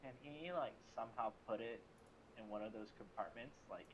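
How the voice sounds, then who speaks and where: Male tabletop player, casual, halting delivery, clear background noise. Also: mid-range voice, lo-fi sound. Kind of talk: casual game chat.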